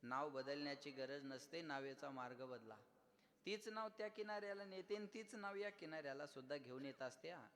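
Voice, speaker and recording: A man's voice: fairly high pitch, animated, a little fast, a bit bright. A man preaching a devotional kirtan sermon. He questions the audience, draws call-and-response, and breaks into sung verses.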